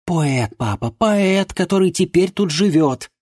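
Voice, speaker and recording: A man voicing a brisk, energetic young woman nurse with a firm, insistent manner. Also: sits high, no room sound, studio quality, voice pushed up. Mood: patient.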